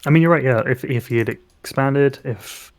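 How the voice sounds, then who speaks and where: A man's voice: medium pitch, normal speed. A man co-casting an esports match, laughing often and agreeing with his partner. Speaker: co-caster. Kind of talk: esports commentary.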